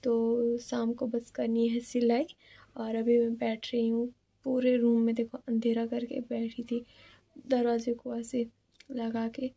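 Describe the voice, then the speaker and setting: A young woman, talking slowly and softly in a casual vlog, tired and sleepy. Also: fairly high pitch, completely flat delivery, creaky, slightly rough. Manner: soft-spoken, slow and subdued. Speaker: vlogger.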